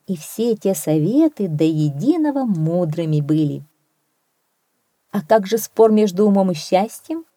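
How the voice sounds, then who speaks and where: A woman reading a fairy tale aloud as an audiobook, telling it with lively expression on a close microphone. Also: lowish voice, dry recording. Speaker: storyteller.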